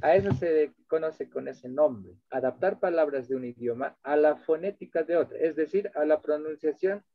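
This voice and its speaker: A man with a slightly raised pitch gives an online lecture as a translation instructor, moving between two languages and pausing to ask whether his listeners follow. His voice comes through dry and close, with no room around it. The video-call audio sounds dull and lo-fi. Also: no room sound. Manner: explanatory, checks in with listeners often; switches between two languages while teaching.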